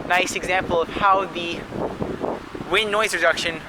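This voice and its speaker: A man's voice: high-pitched, unhurried. Man through wind noise reduction. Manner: relaxed, thinking aloud with fillers. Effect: wind noise reduction processing. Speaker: vlogger testing a camera. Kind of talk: casual demo narration. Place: outdoors, windy and sunny. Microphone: built-in camera mic. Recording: wind-buffeted camera mic, clear noise.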